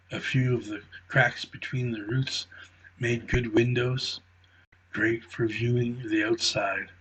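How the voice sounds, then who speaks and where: A man reads a children's bedtime story aloud at a very slow, gentle pace. His voice sits in a middle pitch. A faint hiss runs beneath the recording. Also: poor audio.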